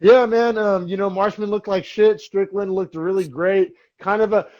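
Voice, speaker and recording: A man's voice: sits high, fairly even intonation, moderate pace, a little mellow, dull audio. A young man co-hosting a sports podcast, talking in a loose, rambling way with lots of fillers. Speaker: podcast co-host. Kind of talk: casual sports chat.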